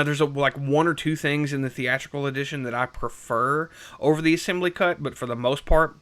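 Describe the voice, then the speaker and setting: Rambling man reviewing a movie, bright voice. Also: mid-range voice. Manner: rambling, lots of fillers and restarts. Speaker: film reviewer. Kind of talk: casual unscripted review.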